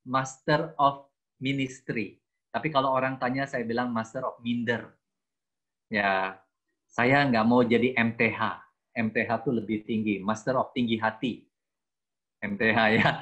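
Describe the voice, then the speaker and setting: A man's voice: medium pitch, steady tone, a little slow, fairly bright tone. A man in his sixties tells his life story to a youth group, switching between his own language and English. His talk is chatty and self-mocking. He has an ordinary mid-range voice on a slightly dull, lo-fi recording. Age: 60s. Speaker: guest speaker, theology teacher. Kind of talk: personal testimony to a youth group.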